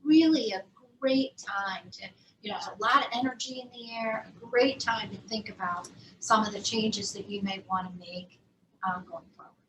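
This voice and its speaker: A woman's voice: mid-range voice, normal speed, recorded from a distance, slight background noise. A woman with a Philadelphia accent co-hosting a cooking class, talking in an upbeat, easygoing way as she leads the steps. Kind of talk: casual cooking demo chat. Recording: echoey room, away from mic.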